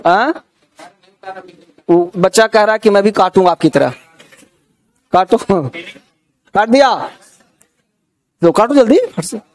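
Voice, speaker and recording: A man with a high voice leads a grammar class. He keeps asking whether everyone has understood and urges students to write quickly. His English words carry an Indian accent. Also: expressive. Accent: Indian English words in Hindi. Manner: repeats checks for understanding, coaxing students. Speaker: teacher.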